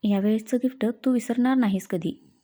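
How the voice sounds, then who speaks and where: A tender young husband with a playful, teasing way of talking, read by a woman. The voice is soft and mellow, a storybook reading with a gentle, unhurried delivery. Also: a little high, lightly acted.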